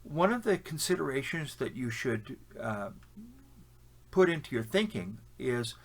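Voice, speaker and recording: In a sing-song, unhurried voice of medium pitch, a Canadian man who vlogs about language learning offers conversational advice straight to the camera. His take is opinionated and casual, and he often uses fillers and starts sentences over.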